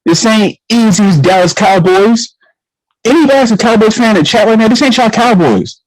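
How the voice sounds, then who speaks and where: A man hosting an online league talk show, talking in an animated, slangy way and repeating himself as he builds hype. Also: sits high, moderate pace, no room sound, poor audio. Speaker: show host.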